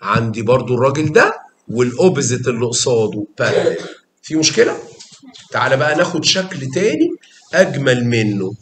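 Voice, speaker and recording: A man's voice: mid-range voice, expressive, brisk, a bit bright, reverberant, a little hiss or hum. A man with an Egyptian accent teaching a math lesson, coaxing students with questions and repetition. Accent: Egyptian Arabic. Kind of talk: lively classroom explanation.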